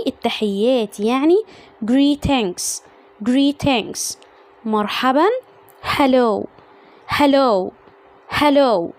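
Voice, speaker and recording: A woman's voice: high voice, darkish tone. A woman with an Egyptian Arabic accent teaching English phonics to young children, saying each word several times and then explaining the spelling rule behind it.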